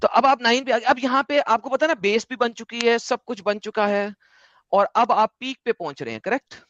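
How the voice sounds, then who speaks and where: A man hosting an online debate, lecturing forcefully and dropping English phrases into his speech. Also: extremely high pitch, a little fast, dry recording, muffled recording. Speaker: debate host.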